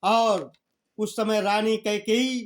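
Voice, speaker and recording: A male teacher giving a poetry lesson, reciting verse lines slowly and then explaining them in plain words, calling his listeners brother. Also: sits high, fairly even intonation. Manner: addresses listeners familiarly as brother.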